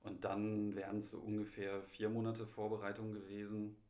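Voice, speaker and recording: Man from Munich, interview guest, hesitant, lots of fillers, low gravelly voice, echoey room. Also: completely flat delivery, warm tone. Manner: hesitant, many ums and pauses. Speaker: guest, assistant director. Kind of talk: casual interview answers. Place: host's living room.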